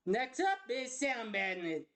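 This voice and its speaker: An upbeat radio DJ, as a woman puts him on, pitched high with bouncy announcer patter. The delivery swings up and down to hype the next tune. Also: very animated, slow pace, fairly bright tone, heavily acted. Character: hyped radio DJ.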